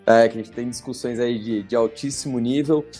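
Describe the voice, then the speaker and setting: A man's voice: mid-range voice, fairly even intonation, fairly quick, darkish tone, soft background music. A man hosting an interview channel, affable and joking with his guest. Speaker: channel host.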